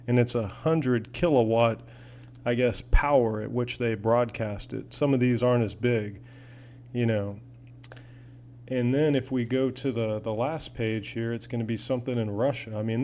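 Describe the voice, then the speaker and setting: This hobbyist video host is a man with a medium-pitched, somewhat dark voice, chatting casually about gear in his apartment. He's enthusiastic and folksy, rambling through a product demo. An audible hum runs through the noisy home recording.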